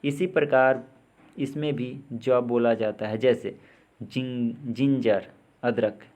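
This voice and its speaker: Male language teacher, unhurried lesson delivery, reads each word and its meaning slowly. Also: mid-range voice, fairly even intonation, a little mellow. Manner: reads words with their Hindi meanings, one by one; slow and deliberate, repeats words. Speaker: English teacher. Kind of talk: spoken pronunciation lesson.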